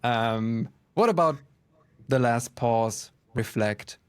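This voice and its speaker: A man's voice: mid-range voice, slow pace, smooth. A man hosting a podcast who asks open questions in a friendly, easygoing way. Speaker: podcast host. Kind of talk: casual interview.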